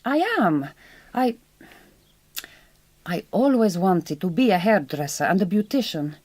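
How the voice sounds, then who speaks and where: A lowish, expressive female voice at a measured pace portrays the direct, kind, quietly wounded Hungarian migrant farm worker, using a Hungarian accent and careful, reassuring delivery. Recorded dry, the radio drama performance feels eager and reassuring.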